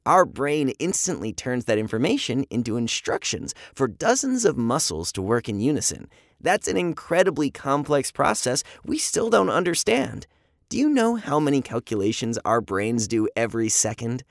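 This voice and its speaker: A woman's voice: a bass voice, very animated, moderate pace, no room sound, clean studio sound, exaggerated voice. A storyteller voicing a thoughtful mother who patiently explains things to her children. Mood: explaining.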